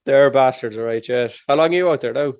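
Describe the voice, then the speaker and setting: A man's voice: medium pitch, fast, clean tone, muffled recording. A man in his thirties with an Irish accent, hosting a casual, colloquial, sweary chat. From Ireland. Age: 30s. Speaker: podcast host.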